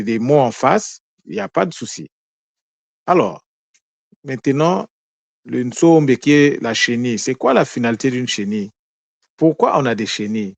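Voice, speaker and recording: A man's voice: medium pitch, a little mellow, no room sound. A man explaining the meaning of a word as a spiritual teacher, often stumbling over repeated words as he searches for phrasing and answering his own questions. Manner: asks himself questions then answers them.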